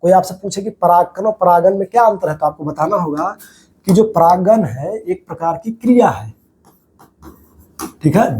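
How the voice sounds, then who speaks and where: A man's voice: high voice, warm tone. A man teaching a biology class over diagrams, repeating each key term as a question to his students and calling them "babu".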